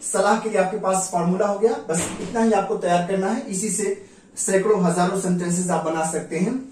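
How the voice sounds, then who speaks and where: A teacher works through a spoken language lesson, drilling by asking rhetorical questions and answering them, and spelling words out letter by letter. The voice sits at a middling pitch. It is recorded from well back from the microphone in a very reverberant room. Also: fairly even intonation, a little fast, a little mellow. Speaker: English teacher. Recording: very echoey room, voice far from the mic.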